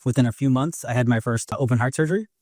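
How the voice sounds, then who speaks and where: A fast talker with a medium-pitched, darkish voice, this podcast guest candidly swaps personal stories. He's a real estate investor in his forties from Brockton, Massachusetts, with a slight Boston accent, and the studio recording carries no echo.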